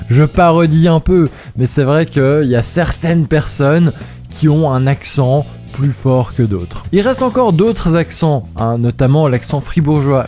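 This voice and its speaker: A man's voice: a little high, warm tone. Playful vlogger man. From Switzerland. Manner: playful, mock-solemn. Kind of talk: comedic vlog monologue.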